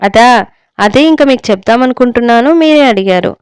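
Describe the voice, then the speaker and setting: Evasive young adult son, read by a woman, hurried, dry close sound. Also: a little high, expressive, clean tone, no echo, close to an everyday voice. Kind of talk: storybook reading.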